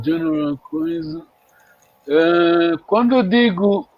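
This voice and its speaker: A man leads an online language lesson, sounding out each word slowly and patiently. His voice sits a little high. The audio is muffled and lo-fi, as over a call. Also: no echo. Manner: patient, repeats words slowly for students. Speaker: language teacher.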